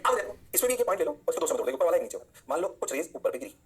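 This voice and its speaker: A man teaching an energetic physics lecture, often answering his own questions in a student's voice. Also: a little high, very fast. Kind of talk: online lecture.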